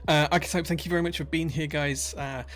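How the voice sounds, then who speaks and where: Speaking fast in a slightly high, steady and somewhat bright voice, this broad-accented Yorkshireman reads viewer comments aloud while live streaming from his workshop, soft music in the background. The married keyboard builder is friendly and chatty, full of uhs and restarts.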